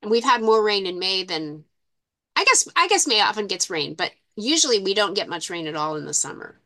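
Donna dal tono brillante e molto espressivo. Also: female voice, medium pitch, big pitch swings, brisk, bright, forceful tone, no echo. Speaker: coaching client. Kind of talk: casual personal conversation.

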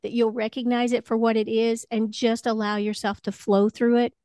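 A woman with a slightly high voice talks one-to-one as a spiritual coach. She offers gentle, reassuring guidance in a conversational way. The sound is very dry, with no room around it. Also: level tone, normal speed, dry recording.

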